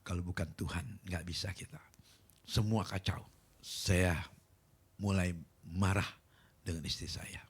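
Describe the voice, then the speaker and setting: A middle-aged man preaching a sermon, telling a personal story with acted-out quoted voices and rising to loud, emphatic calls to the congregation. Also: low voice, steady tone, measured pace, long pauses, slightly rough. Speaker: pastor.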